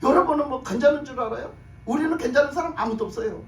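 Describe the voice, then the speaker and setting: A woman's voice: high-pitched, lively intonation, rapid-fire. Woman pastor preaching in an echoey hall. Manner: emphatic, rising to shouts, rhetorical questions. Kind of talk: sermon. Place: church sanctuary. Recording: echoey hall, mic from a distance, faint room noise.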